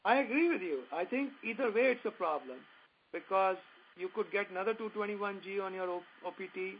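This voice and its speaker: A man's voice: high voice, a little fast. A man with a North Indian accent hosting a call-in advice session, plain-spoken and reassuring. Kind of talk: advisory call-in talk. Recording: dull radio-like sound with faint noise.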